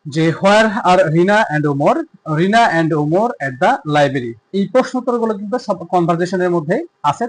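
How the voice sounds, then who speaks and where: A man with a Bangladeshi accent teaching an English textbook lesson, reading the English lines slowly and carefully before explaining them. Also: high-pitched, low-quality recording.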